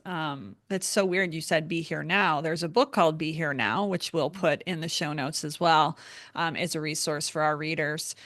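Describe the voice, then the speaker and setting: A woman's voice: low voice, fairly bright tone, no room sound, clean studio sound. A woman hosting a podcast interview, chatty, with frequent fillers and light laughter. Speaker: podcast host. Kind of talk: conversational interview and show outro.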